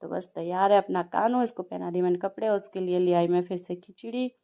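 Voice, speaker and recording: A woman's voice: on the low side, steady tone, fairly quick, creaky, dark tone, lo-fi sound. A young woman, a mother casually narrating her day at home, chatty and telling stories with small laughs.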